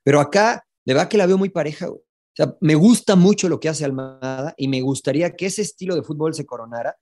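A Mexican man talking soccer in a loose, casual chat, his voice sitting high for a man. He stumbles and repeats words while he thinks aloud. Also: fast, a little mellow. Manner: hesitant, repeats words, joking storyteller. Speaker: podcast co-host and analyst.

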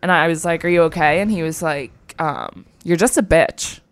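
A woman's voice: sits low, normal speed. A woman in her twenties, a podcast co-host, telling a candid, rambling personal story in casual chat with lots of "like".

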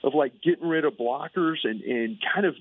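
A man's voice: fairly high pitch, normal speed, slightly rough. A man calling in as a guest analyst, rambling in casual chat with lots of fillers. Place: calling in remotely. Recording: tinny phone line.

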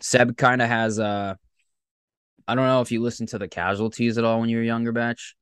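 A man's voice: mid-range voice, flat delivery, a little fast, fairly bright tone, clear, resonant tone, dry recording. A man hosting a podcast in a casual, enthusiastic, slangy way, swearing freely. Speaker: podcast host. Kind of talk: casual chat.

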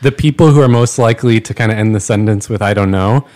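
A man's voice: mid-range voice, quick pace. A man co-hosting a casual podcast, talking loosely with fillers and easy laughs. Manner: relaxed, laughs easily, trails off with fillers. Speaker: podcast co-host.

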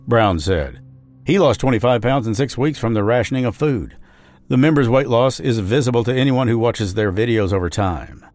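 A man's voice: medium pitch, darkish tone. Man narrating a true-crime podcast. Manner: measured storytelling, reading quotes. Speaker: podcast host. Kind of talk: scripted narration. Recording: dry studio voice with faint music.

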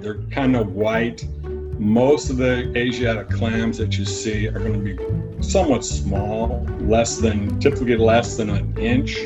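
A man who manages a wildlife agency program, answering interview questions in a relaxed way. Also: fairly low pitch, lo-fi sound. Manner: relaxed, a few restarts.

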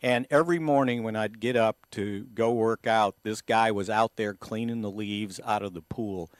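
A man's voice: fairly low pitch, moderate pace, clean tone, dry recording. A man co-hosting a casual sports podcast, telling anecdotes with lots of false starts and repeated words. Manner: storytelling, many false starts. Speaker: podcast co-host.

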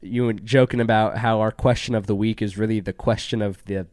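A man's voice: fairly low pitch, fairly even intonation, a little fast, a little mellow, dry recording, clean studio sound. A man co-hosting a podcast, chatting casually and reading out a listener's email, his voice a little congested from allergies. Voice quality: slightly congested, stuffy from allergies. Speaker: podcast co-host.

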